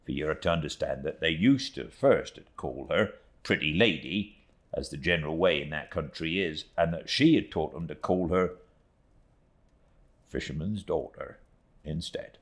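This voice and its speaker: A man reading an audiobook voices a grieving, devoted, rustic old English fisherman recounting his niece's ordeal. He speaks low and very slowly with lively intonation, his halting, emotional storytelling tender and earnest, moving between hushed and swelling moments.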